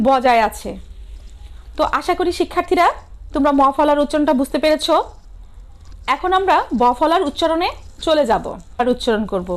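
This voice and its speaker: A middle-aged woman teacher with a Bangladeshi Bengali accent, giving a grammar lesson, asking questions and answering them herself and sounding out words slowly and carefully. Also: high-pitched. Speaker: school teacher.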